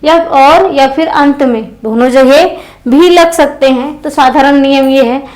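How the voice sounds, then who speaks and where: High-voiced woman teaching a grammar lesson. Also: a little slow, a little mellow, poor audio. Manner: repeats key phrases and asks the class questions. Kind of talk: exam-prep grammar lesson.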